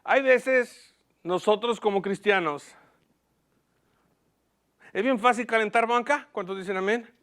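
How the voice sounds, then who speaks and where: A male pastor preaching a lively sermon from a church platform, asking the congregation questions and mixing in English words. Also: sits high, measured pace, long pauses, smooth.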